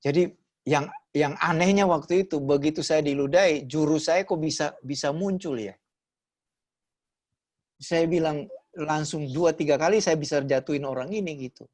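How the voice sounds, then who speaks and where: A man preaching a personal testimony over a video call. He tells the story vividly and acts out quotes, dropping his voice low and then rising loud. He sounds like a pastor speaking to his congregation. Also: moderate pace. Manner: storytelling with acted quotes, shifting loud and soft.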